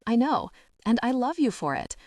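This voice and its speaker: A woman's voice: a little high, sing-song, moderate pace, darkish tone, voice pushed up. A caring young woman best friend who speaks in an affectionate, teasing way, as a woman narrator voices her. The audiobook sound is dry and close, with no room echo. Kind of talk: audiobook character reading.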